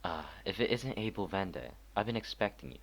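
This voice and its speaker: Commanding game ruler, deep, smooth, a little condescending , played by a man. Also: very animated, brisk, exaggerated voice. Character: smooth, commanding male ruler, welcoming but probing.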